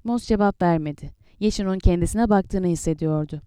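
A woman narrating an audiobook in a measured, steady reading voice, close to the mic. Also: fairly low pitch, clean tone, no room sound. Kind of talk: scripted narration.

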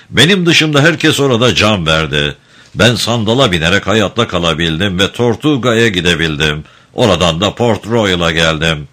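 A man voicing a calm French sailor who testifies in court, speaking in a composed, unruffled way. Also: deep voice.

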